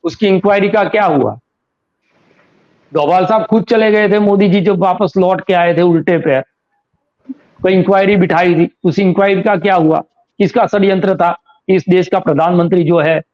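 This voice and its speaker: High-voiced argumentative male political analyst. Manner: argumentative, fires rhetorical questions. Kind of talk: interview commentary. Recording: slightly dull lo-fi audio.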